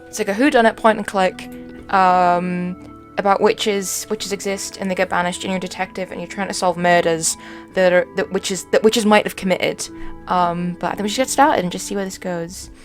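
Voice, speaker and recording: A woman's voice: mid-range voice, fairly even intonation, moderate pace. Woman gamer, chatty let's play commentary, rambling asides, faint game music behind. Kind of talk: casual gameplay commentary.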